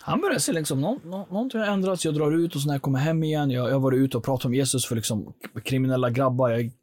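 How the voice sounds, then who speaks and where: A man, a podcast guest, telling his personal life story in an earnest, animated way, with frequent fillers. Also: medium pitch, no room sound.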